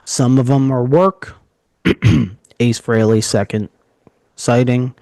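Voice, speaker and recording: A man's voice: mid-range voice, slow, no room sound. New york area guy on a podcast, chatty storyteller, dry close sound. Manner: animated storyteller, jokey. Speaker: podcast co-host. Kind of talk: casual podcast chat.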